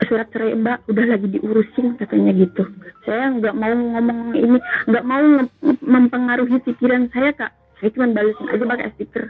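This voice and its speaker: A woman's voice: on the high side, steady tone, moderate pace, dry recording. A woman calls in and earnestly tells a personal story, addressing the host as "Kak" again and again. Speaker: caller sharing a personal story. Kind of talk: emotional phone storytelling. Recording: tinny phone line.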